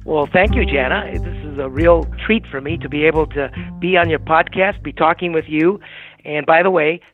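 A man's voice: on the high side, moderate pace, faint music behind. A man in his seventies, a guest in a conversational interview, telling his story in a gracious, chatty way with some hesitations. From Puerto Rico, raised in Southern California. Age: 70s. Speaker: guest, agency CEO. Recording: tinny phone-like remote line.

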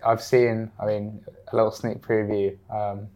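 A man with a low voice asks questions in a laid-back way. His pitch stays flat and even, and his tone is conversational. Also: measured pace. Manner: relaxed, brief affirmations. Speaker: interviewer. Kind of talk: casual interview questions.

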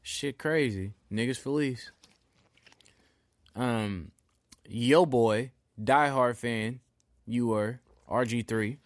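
A man co-hosting a sports podcast in loose, profane casual chat, telling animated stories. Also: mid-range voice, takes it slowly, long pauses, no room sound. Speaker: podcast co-host.

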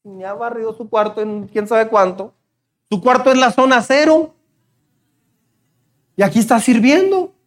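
Preaching with fervor, this middle-aged male pastor has a very high-pitched voice and a measured pace broken by frequent pauses. He talks straight to his congregation and keeps returning to key phrases.

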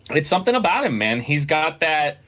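A man co-hosting a casual sports podcast, talking in an animated, rambling way with lots of restarts and the odd curse. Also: fairly high pitch, brisk. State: has the hiccups. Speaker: podcast co-host.

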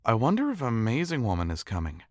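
A man playing a flustered, excitable newlywed husband. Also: mid-range voice, fast talker, dry recording, studio quality. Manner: eager, flustered, stammering. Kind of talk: audio drama acting.

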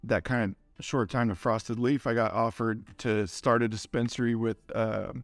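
A man's voice: mid-range voice, steady tone, moderate pace, no echo, faint music behind. A middle-aged man telling stories casually in an interview, with a laid-back stoner way of talking, full of slang and swearing. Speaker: interview guest recounting a cannabis industry career. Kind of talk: casual anecdotal interview storytelling.

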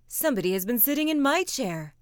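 A woman's voice: high-pitched, big pitch swings, quick pace, no echo, studio quality, voice pushed up. A woman voicing a middle-sized, puzzled bear for a storybook reading.

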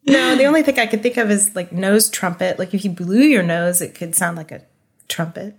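Woman podcaster with scratchy vocal fry. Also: medium pitch, a little fast. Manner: playful, informal. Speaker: podcast co-host, psychologist and coach. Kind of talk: casual podcast chat.

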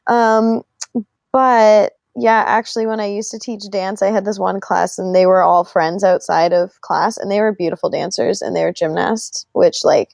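A woman's voice: mid-range voice, steady tone, moderate pace, creaky, a little mellow, dry recording, clean studio sound. A woman in her twenties, co-hosting a casual chat and telling stories with frequent laughter. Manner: giggly storyteller, laughs often. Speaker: podcast co-host.

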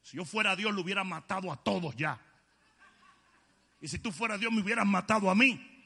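A male preacher giving an emphatic sermon, often shouting and joking with the congregation. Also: high voice, fairly quick, creaky, breathy edge, long reverb tail.

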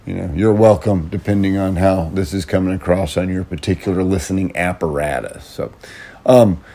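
A man with a low, gravelly, worn voice hosting a casual gaming podcast solo, in a meandering, self-deprecating way. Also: steady tone, moderate pace, dark tone. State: voice worn from talking over crowds of children. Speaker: podcast host. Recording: noticeable background noise.

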